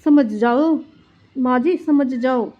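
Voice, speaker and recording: Cartoon daughter-in-law, young woman, rude and taunting, high voice, muffled lo-fi audio with faint music, as a woman puts her on. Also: measured pace. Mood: scolding. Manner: taunting, scolding.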